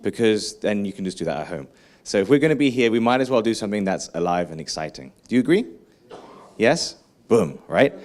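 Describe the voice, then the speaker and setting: A man giving a lively conference keynote, engaging the audience with questions and frequent asides. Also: on the low side. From England. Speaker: keynote speaker.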